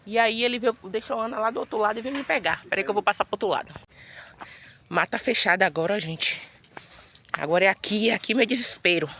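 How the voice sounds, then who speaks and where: A woman's voice: medium pitch, fast talker, bright, forceful tone, a little hiss or hum. A woman, a mother and vlogger, chatting casually to viewers as she walks outdoors through muddy woods, filming on a phone. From Bahia, Brazil. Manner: chatty, exclamatory, keeps calling out to viewers. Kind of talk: casual vlog narration to viewers.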